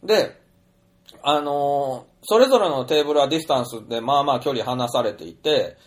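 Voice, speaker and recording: A middle-aged man telling an anecdote in a chatty, rambling monologue full of fillers. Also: fairly high pitch. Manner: chatty storyteller, animated, many fillers. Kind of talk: casual monologue.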